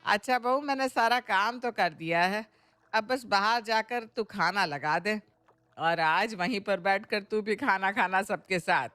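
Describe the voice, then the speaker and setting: A woman voicing a kind middle-aged mother-in-law, gentle and coaxing in an audio storybook. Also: medium pitch, a little slow, no room sound, faint music behind, natural voice. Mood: affectionate.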